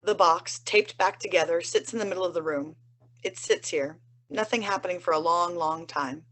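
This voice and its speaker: A woman reads stage directions in a measured, even way, her voice sitting a little low. It comes from an online play reading over a video call. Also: low-quality recording.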